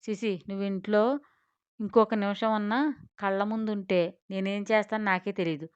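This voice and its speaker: A woman's voice: medium pitch, flat delivery, normal speed, clean tone, dry recording, natural voice. A woman voicing a harsh, scolding middle-aged mother in a storybook reading. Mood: stern. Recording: slightly dull lo-fi sound.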